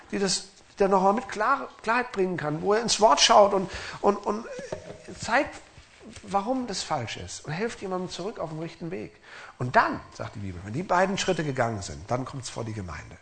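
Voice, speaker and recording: A middle-aged male pastor delivers a sermon in an earnest, emphatic voice that sits a little high for a man. He keeps turning to his listeners with direct rhetorical questions. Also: gravelly, a bit bright.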